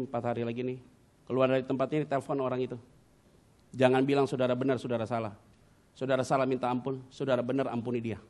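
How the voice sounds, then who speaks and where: A middle-aged man preaches at mid pitch, sliding from quiet confiding passages into sudden loud, emotional outbursts. He tells his own story in a vivid, dramatic way and drops English words into his speech. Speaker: pastor. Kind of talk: sermon.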